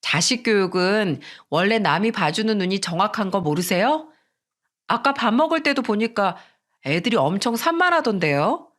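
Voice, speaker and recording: A woman's voice: mid-range voice, sing-song, moderate pace, a bit bright. A woman reading the part of a blunt, rude young sister-in-law who talks back in a storybook drama. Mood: defiant.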